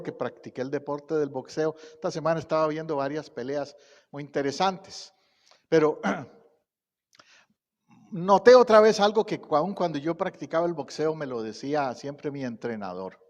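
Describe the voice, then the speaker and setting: A middle-aged man preaching a sermon, reciting scripture with rising emphasis and pausing often. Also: fairly high pitch, long reverb tail. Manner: slow, deliberate pacing with pauses. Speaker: pastor. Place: church sanctuary.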